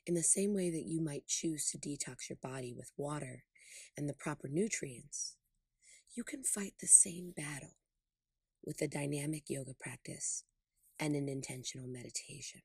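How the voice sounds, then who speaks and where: Soothing, short, deliberate phrases come from a woman with a low, breathy, slightly mellow voice as she leads a guided meditation for her podcast. The audio is intimate and dry, with no echo or sense of space.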